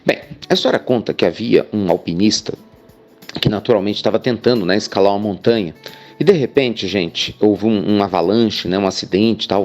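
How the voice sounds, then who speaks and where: A man tells an inspirational story, chatty and addressing his listeners directly. His mid-range voice has a gravelly grain. The recording is dull and lo-fi, with faint music underneath. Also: medium pitch, a little mellow. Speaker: spiritual speaker.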